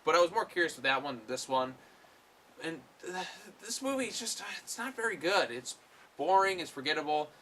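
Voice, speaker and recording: A man's voice: fairly high pitch, big pitch swings, a little fast, bright, forceful tone, a little hiss or hum. A man giving a casual, rambling film review, full of fillers and blunt swearing. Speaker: movie reviewer.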